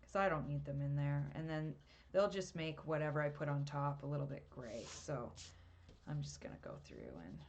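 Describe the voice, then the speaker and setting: Woman, lowish voice, chatty live art lesson, webcam mic. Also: animated, normal speed, a little hiss or hum. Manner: chatty, laughs at herself. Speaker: art teacher. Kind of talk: live drawing tutorial.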